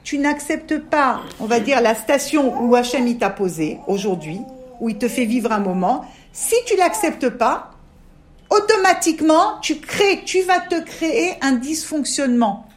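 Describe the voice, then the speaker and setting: A woman's voice: high voice, lively intonation, unhurried. A woman leading a women's religious discussion, coaxing her listeners and often checking that they understand. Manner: coaxing, keeps asking "you understand?".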